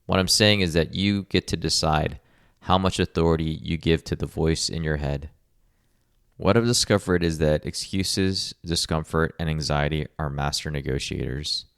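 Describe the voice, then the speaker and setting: Male podcast host, very low and smooth voice, dry close mic, measured coaching delivery. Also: no echo. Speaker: podcast host, rehab clinician. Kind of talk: scripted podcast monologue.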